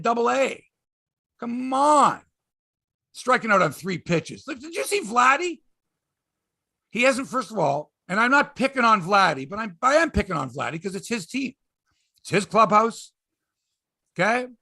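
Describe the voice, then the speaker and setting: High-pitched, animated male sports talk host. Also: vocal fry. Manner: emphatic, exasperated, repeats phrases, rhetorical questions; salty, profane. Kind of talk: opinionated sports talk rant.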